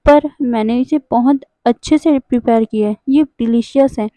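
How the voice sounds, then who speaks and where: Woman voicing a young man, clingy, pleading, storybook, mellow tone, dry close sound. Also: a little high, normal speed, dry recording, close to an everyday voice. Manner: pleading, sweetly insistent.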